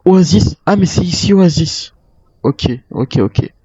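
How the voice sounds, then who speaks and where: A man improvises in character as a survivor on a zombie island while gaming, thinking aloud as he plays. His voice sits high with lively intonation, a dark tone and a breathy edge, and he speaks slowly. The recording has no room sound, and its highs are cut off.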